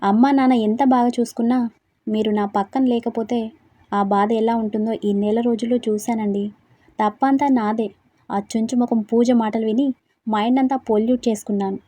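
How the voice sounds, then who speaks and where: Young wife, fiery, indignant, shouting, highish, dry sound, woman voicing. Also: steady tone, fairly quick, no echo, natural voice. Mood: resolute.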